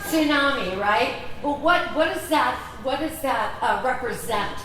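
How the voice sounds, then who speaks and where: A high-pitched, somewhat bright woman originally from Greece speaks a little slowly as she gives a chatty presentation in a large convention hall, often asking the audience questions. Her voice sounds far off and echoey in the hall.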